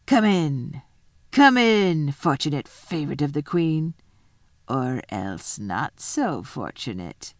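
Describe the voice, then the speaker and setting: A woman voicing a menacing male wolf, a secret police chief in a storybook, with a slow, threatening delivery. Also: sits low, sing-song, dry recording, studio quality, pitched below the performer's own voice, full character voice. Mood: mocking.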